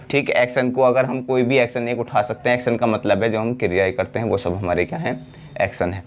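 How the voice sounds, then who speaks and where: A man teaching a spoken English lesson, explaining step by step, repeating phrases slowly and asking rhetorical questions. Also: mid-range voice. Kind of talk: classroom-style spoken lesson.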